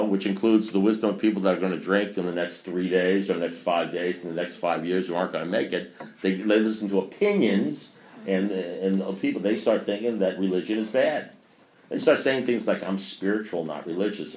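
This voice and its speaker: In an echoey meeting room, a man in his sixties speaks at a recovery meeting with a low, somewhat mellow voice. His talk wanders and preaches, and he frequently mocks himself along the way.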